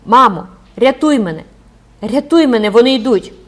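A woman's voice: medium pitch, steady tone, moderate pace, a little mellow, lightly acted. Woman playing a scared young girl, pleading, audiobook. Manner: pleading, crying out for help.

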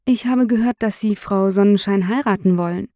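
A woman's voice: medium pitch, moderate pace, warm tone, no room sound, studio quality, lightly acted. A woman reading the part of a stern middle-aged male police detective who asks firm, probing questions.

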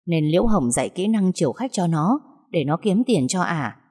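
Woman doing blunt caring older aunt, dark mellow tone, echoey hall. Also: on the low side, animated, normal speed, husky. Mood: firm. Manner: soothing, then firm and scolding. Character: motherly older kitchen aunt, protective and blunt. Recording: long hall reverb.

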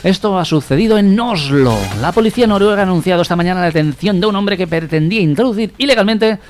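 Male radio comedy co-host, a slightly high voice, dry and relaxed delivery. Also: quick pace, faint music behind. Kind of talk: casual joke telling and news reading.

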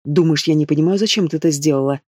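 A man's voice: on the high side, rapid-fire, darkish tone, no echo, studio quality, natural voice. A man voicing a bold, teasing young king in an audiobook, speaking in an insistent, confident way. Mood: challenging.

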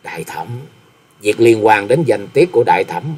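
A man voicing a reserved, courteous young swordsman who speaks in a measured, consoling way in a story reading. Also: on the low side, expressive, darkish tone, slightly rough. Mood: solemn.

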